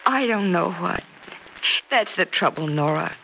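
In a full character voice, an actress plays a young single woman, affectionate and wary about love, in the manner of a 1940s-50s radio soap. She sounds earnest yet uncertain, her fairly low voice expressive, unhurried and sharp, with vocal fry, all on a dull, noisy old transcription.

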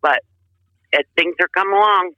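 A woman calling in over a speakerphone line as a race track promoter, chatty and quick to laugh. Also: lowish voice, bright, forceful tone, dry recording, muffled recording. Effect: heard over a speakerphone call. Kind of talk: phone-in interview.

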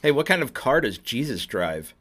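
A man on a podcast in a small shed studio, telling dad jokes in an animated way with chuckles and quick asides. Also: medium pitch. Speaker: podcast guest. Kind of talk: casual joke-swapping chat.

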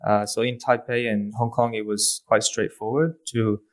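Hesitant low-voiced Australian man. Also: level tone, moderate pace. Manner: hesitant, many ums and uhs. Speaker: guest author, lecturer. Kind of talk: academic interview answers.

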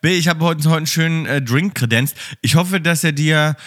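A man's voice: a little high, fairly quick, fairly bright tone. A man hosting a casual podcast chat, talking loosely and mumbling his word endings. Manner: chatty, explains drink recipes. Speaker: podcast host.

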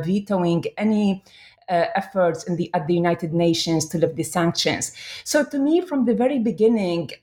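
A woman's voice: lowish voice, a little mellow, reverberant. A woman from Iraq, an anthropology professor, answering interview questions thoughtfully with many fillers and restarts.

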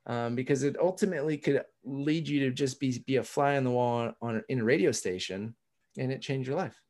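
A man's voice: medium pitch, fairly quick, a little mellow. A man speaking as a podcast guest in casual interview chat, emphatic, cursing freely and laughing often. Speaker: podcast guest, entrepreneur and coffee roaster.

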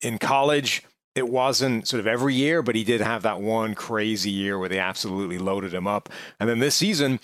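Lowish-voiced man giving sports analysis, close and dry. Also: moderate pace, a bit bright, dry recording. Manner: discursive, argues step by step. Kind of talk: conversational sports commentary.

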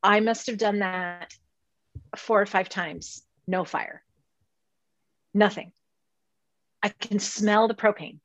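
A woman telling a lively camping story, dry dull sound. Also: mid-range voice, slow pace, long pauses, no echo. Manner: animated storytelling, laughing mid-sentence, acts out quoted dialogue. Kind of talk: casual chat.

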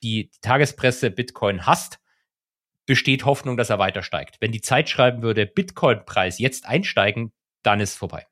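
A man's voice: medium pitch, normal speed. Man chatting casually on a podcast. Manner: relaxed, opinionated, stumbling restarts. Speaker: podcast co-host.

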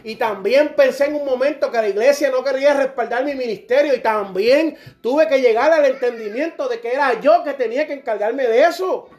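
A man's voice: very high voice, brisk, hardly any pauses, a little mellow. A middle-aged man preaching a sermon, fervent and direct, now and then acting out churchgoers in dialogue. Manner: impassioned, acts out church members in dialogue.

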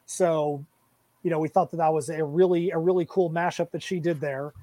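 High mellow-voiced guy rambling happily about his comic, dry room. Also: fairly even intonation, normal speed, no echo. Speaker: comic creator. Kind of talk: casual podcast chat.

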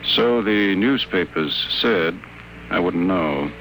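An actor playing a guarded, secretive addict patient, confiding in low, careful tones, in 1940s radio acting style. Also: male voice, animated, slow, fairly bright tone, slight background noise, full character voice, rough recording.

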